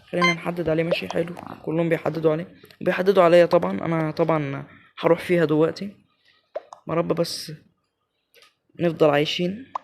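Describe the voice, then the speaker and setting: A man with an Egyptian Arabic accent giving excitable live commentary as he plays a game, talking straight to his viewers. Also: fairly high pitch, gravelly, slight background noise. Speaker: gaming channel host.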